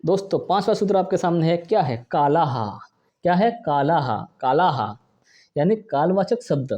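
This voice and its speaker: A man teaching a Sanskrit grammar lesson, talking fast, repeating each example and asking and answering his own questions. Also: a little high, animated, dark tone, dull audio. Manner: fast, brisk delivery. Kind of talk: exam-prep grammar lesson.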